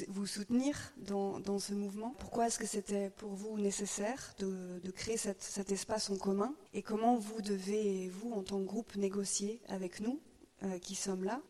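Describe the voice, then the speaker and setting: Female moderator, soft-edged dark timbre, little pitch movement, deliberate questioning with pauses. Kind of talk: interviewing artists in a public discussion.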